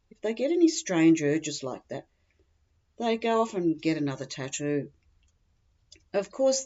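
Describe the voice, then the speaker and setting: In a fairly low, darkish voice with the highs cut off, an Australian woman reads aloud a funny first-person story she wrote herself. Her comic delivery is dry and matter-of-fact, following the script.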